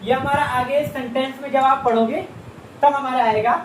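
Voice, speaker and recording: A language teacher, male and very high-pitched, keeps his intonation fairly even while patiently explaining Japanese script to beginners, answering his own questions and repeating each sound slowly. Slight background noise, faint ambience, room echo and a distant mic color the clip.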